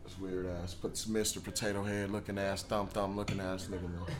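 A man's voice: low voice, flat delivery, a little fast, over music. A man hosting a casual reaction show, blunt and constantly swearing as he mocks what he watches. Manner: profane, mocking, blunt. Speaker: host.

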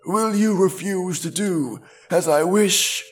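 A man putting on a slow, earnest old bamboo cutter. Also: high voice, soft background music, pitched above the performer's own voice. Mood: earnest pleading. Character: gentle old bamboo cutter, over seventy, devoted foster father. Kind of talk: storybook read-aloud.

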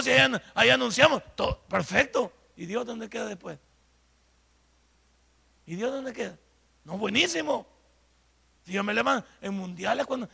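A man with a Salvadoran accent preaches with fervor in a church and keeps pressing the congregation with questions. His voice sits high and sounds husky and breathy. It has a sharp, bright edge, and he often climbs to a shout. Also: big-room sound. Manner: fervent, rising to shouts, rhetorical questions to the congregation. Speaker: pastor. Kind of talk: sermon.

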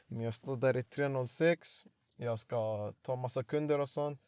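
Young man, animated slangy storyteller, dry close sound. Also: mid-range voice, smooth, dry recording. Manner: animated storytelling, acts out quotes, slangy street talk. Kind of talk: casual chat.

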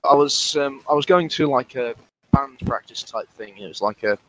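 A man's voice: medium pitch, normal speed, fairly bright tone, a little hiss or hum, low-quality recording. Hesitant rambling man on a podcast. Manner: hesitant, rambling with many restarts and ums. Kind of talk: casual podcast chat.

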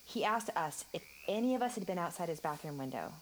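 A young woman recounting a ghost story around a campfire. Her voice is rather low, and she tells the story in an earnest, storytelling manner. This is film drama dialogue. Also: animated, fast talker, slight background noise, low-quality recording.

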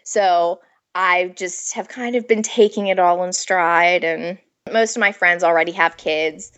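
A woman's voice: fairly low pitch, measured pace, a bit bright, dull audio. A pregnant woman, a food blogger guest, chatting casually in an interview, giggling often and filling her speech with "like". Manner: chatty, giggly, lots of filler "like".

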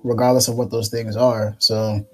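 A man's voice: on the low side, flat delivery, fairly bright tone, breathy edge, soft background music, rough recording. A nineteen-year-old man co-hosting a podcast, talking casually with lots of fillers and restarts. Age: teens. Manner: halting, many fillers and restarts. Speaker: podcast co-host. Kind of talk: casual chat.

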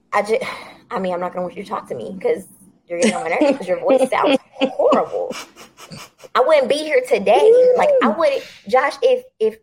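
A woman guest on a podcast, chatting casually in a blunt, animated and profane way. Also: mid-range voice, rough recording. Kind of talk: casual chat.

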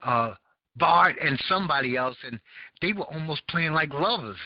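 A man with a Southern American accent hosts a casual call-in talk show podcast, rambling and hunting for words amid plenty of fillers. His voice is a little high and animated at a moderate pace, captured in a dry, dull lo-fi recording.

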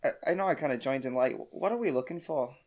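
A man's voice: medium pitch, animated, fast talker, darkish tone. Hesitant male tabletop player. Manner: hesitant, self-correcting. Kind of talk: tabletop role-play.

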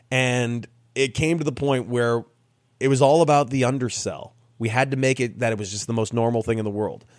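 A man's voice: medium pitch, no room sound. A young adult man, a baseball player and guest, casually telling a funny story and acting out what others said. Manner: lively, laughing storyteller who acts out quotes.

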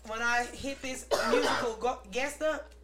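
A woman's voice: on the high side, steady tone, normal speed, a loud crowd. A woman hosting a casual chat among friends around a table, in a playful, teasing manner. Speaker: podcast host. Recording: loud background noise.

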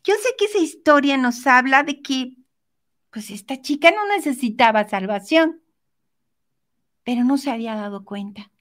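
A woman giving a motivational self-help talk, speaking gently and directly to the listener. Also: high-pitched, animated, normal speed, pauses often.

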